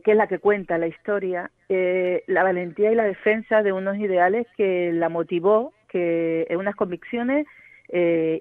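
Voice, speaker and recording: A woman novelist from Gran Canaria, Spain, answers radio interview questions thoughtfully in a low voice with no echo, using many fillers and restarts. The line sounds dry and tinny, like a phone.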